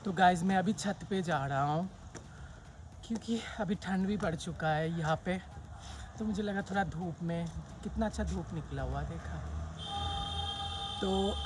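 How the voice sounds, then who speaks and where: A man's voice: a little high, unhurried, pauses often, background noise. A young man teasing his partner and talking to viewers in a casual home vlog. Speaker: vlogger.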